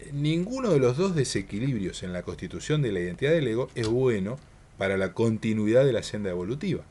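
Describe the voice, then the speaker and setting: A man, giving a spiritual workshop talk and speaking in a measured way, repeating his points and asking rhetorical questions. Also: fairly low pitch, a little mellow.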